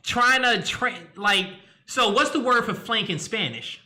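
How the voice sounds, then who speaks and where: Bright high-voiced male host. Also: animated, a little slow. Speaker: show host. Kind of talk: casual interview chat.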